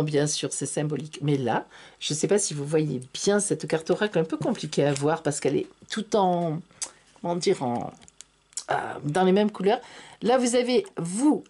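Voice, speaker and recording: A woman's voice: lowish voice, moderate pace, dark tone. A woman giving a tarot reading to camera, theatrical and exclamatory, speaking to her viewers as friends. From France. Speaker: tarot reader.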